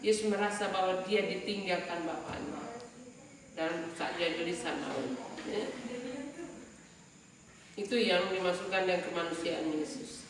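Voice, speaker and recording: A woman teaching a religion class, explaining slowly and drawing out her words, with frequent "ya" asides. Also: mid-range voice. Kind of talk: classroom lecture. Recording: echoey room from far off, noisy.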